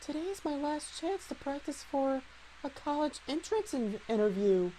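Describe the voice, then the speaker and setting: A woman's voice: high voice, sing-song, normal speed, warm tone, slight background noise, pitched above the performer's own voice, rough recording. A woman voicing an anxious, polite teenage schoolgirl, reading horror game dialogue in an earnest, flustered way. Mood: worried, earnest.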